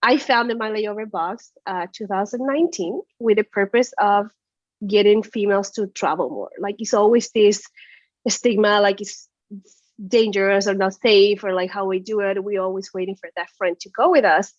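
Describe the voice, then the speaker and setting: A woman's voice: mid-range voice, steady tone, normal speed, no echo. A woman from Chile speaks earnestly as an interview guest, filling her answers with "uh" and "like". Her audio is dry and a bit dull, like a remote call, and her voice sits mid-range. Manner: earnest, many "uh" and "like" fillers. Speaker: guest entrepreneur.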